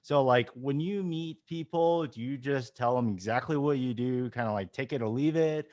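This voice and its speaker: A man's voice: mid-range voice, normal speed, darkish tone, no echo, highs cut off. A man hosting a casual interview as a dating coach, asking loose questions with lots of fillers. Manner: easygoing questioner, hesitant fillers.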